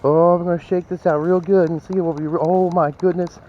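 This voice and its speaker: A man's voice: high voice, level tone, fairly quick, highs cut off. A man vlogging as he metal detects on a sand beach at dawn, chatting to viewers and often exclaiming. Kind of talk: casual narration to camera while detecting.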